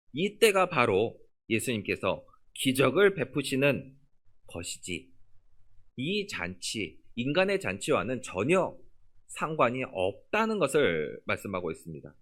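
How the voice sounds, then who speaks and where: A man preaches a sermon from the pulpit of a church, and his pitch climbs and falls in an animated sweep. When he reads scripture he lets the closing words sink down low and soft. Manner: preaching with lively rises and falls, dropping low on scripture endings. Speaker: pastor. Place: church sanctuary.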